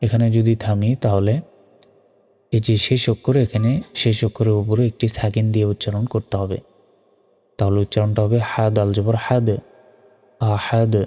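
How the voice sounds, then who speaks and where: A man with a Bangladeshi Bengali accent teaching Quran pronunciation, spelling out each word letter by letter and chanting it slowly. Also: fairly low pitch, level tone, mellow. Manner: spells words letter by letter, drawn-out chanted recitation. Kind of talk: spoken lesson on Quran pronunciation. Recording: long reverb with faint music.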